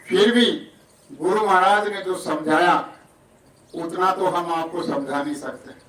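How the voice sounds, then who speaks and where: High-voiced village preacher, distant and echoey. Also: male voice, measured pace, fairly bright tone. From Rajasthan. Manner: folksy, acts out villagers' voices, humble. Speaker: satsang preacher. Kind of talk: village sermon and announcements. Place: outdoor village gathering. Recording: echoey, distant, outdoor noise.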